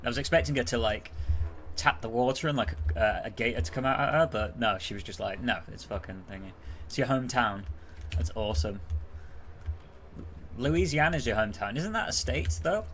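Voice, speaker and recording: A man's voice: medium pitch, expressive, a little fast, a bit bright, slight background noise. A British man casually commentating his game on a live stream, chatting with viewers as he plays. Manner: chatty, reads and answers chat while playing. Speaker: gaming streamer.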